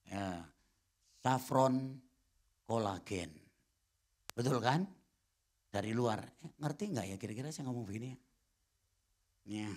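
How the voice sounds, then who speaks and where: A middle-aged man preaching a church sermon, chatting with the congregation through teasing questions and swinging from soft asides to loud emphatic bursts. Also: mid-range voice, measured pace, pauses often. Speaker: pastor. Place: church service.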